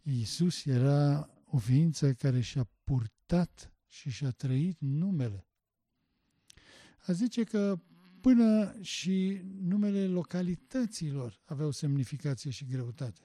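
A man preaching a sermon, emphatic, asking rhetorical questions and rising to loud passionate stress. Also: fairly high pitch, animated, no room sound.

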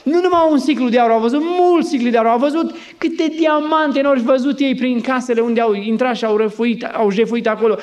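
A man's voice: extremely high pitch, fairly even intonation, hardly any pauses, darkish tone. A male pastor preaching an emphatic, dramatic sermon in a church. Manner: emphatic, dramatizing with acted voices.

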